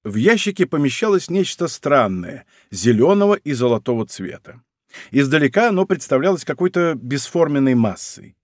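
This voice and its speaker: A man narrating a historical adventure novel as an audiobook, with expressive storytelling. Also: mid-range voice, normal speed, no echo, clean studio sound. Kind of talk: scripted narration.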